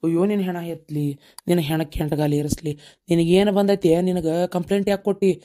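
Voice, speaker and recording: A woman's voice: lowish voice, flat delivery, fast, mellow, slight background noise, natural voice. A woman voicing a complaining, henpecked middle-aged village husband in a cartoon, with a North Karnataka Kannada accent. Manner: complaining, whiny grumbling. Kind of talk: cartoon comedy voice acting.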